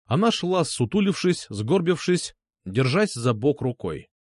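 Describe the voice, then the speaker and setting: A man narrates an audiobook with an expressive, dramatic delivery. His intonation rises and falls in a lively way, and his voice sits somewhat high for a man. The recording is dry and close. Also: unhurried, no room sound.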